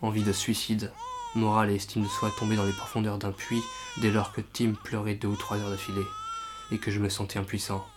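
A man's voice: fairly low pitch, monotone, fairly quick, noisy background. A man narrating a first-person novel with an emotional, tearful delivery. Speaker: audiobook narrator.

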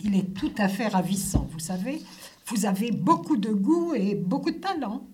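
A woman's voice: medium pitch, lively intonation, moderate pace, a little mellow, breathy edge. A woman voicing a refined, effusive milliner in a storybook reading, speaking in a formal, polished and courteous way. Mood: gracious.

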